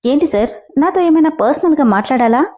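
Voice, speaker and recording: A woman voicing a defiant, sharp-tongued young female employee who speaks in a cheeky, mocking, drawn-out way, in a storybook reading. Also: sits high, expressive, voice pushed up.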